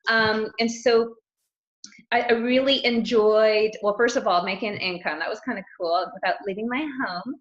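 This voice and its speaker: A woman's voice: fairly high pitch, steady tone, normal speed. A middle-aged woman, a guest coach, chatting casually in an interview, rambling and laughing often. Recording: roomy, dull lo-fi sound.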